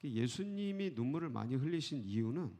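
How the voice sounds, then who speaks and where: A man preaching at a dawn service, his mid-pitched voice gravelly at the edges. He talks to the congregation casually, asking questions and answering them himself. His voice rings with the long reverb of a church hall. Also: very animated, brisk, mellow. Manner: conversational preaching with rhetorical questions and chuckles. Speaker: pastor. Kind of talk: early-morning sermon. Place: church sanctuary.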